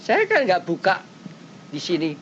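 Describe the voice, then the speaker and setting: Woman preacher, casual sermon delivery, sudden leaps to loud, high emphasis, muffled old tape with faint hum. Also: measured pace. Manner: animated, with big swings between loud high exclamations and low quiet asides; speaks in plain everyday phrasing, often addressing listeners directly. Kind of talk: colloquial sermon to a congregation. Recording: dull lo-fi cassette with faint rumble.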